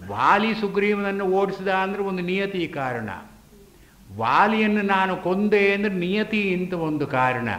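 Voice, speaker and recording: Slow, deliberate man lecturing and chanting verses. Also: high-pitched, fairly bright tone, echoey room. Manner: slow, deliberate delivery, chanting verses then explaining them. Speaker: scholar lecturing on the epic.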